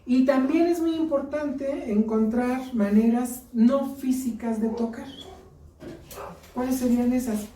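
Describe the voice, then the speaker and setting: A woman's voice: high voice, measured pace, dark tone. Mexican woman teaching in a church. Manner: earnest, tells personal stories. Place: church hall. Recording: echoey room, mic far off.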